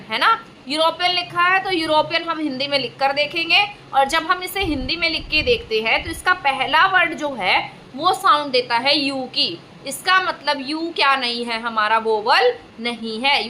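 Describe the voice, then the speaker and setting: A woman teacher giving an exam prep grammar lesson, often asking rhetorical questions and repeating words slowly. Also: sits high, bright, forceful tone, slight background noise, poor audio.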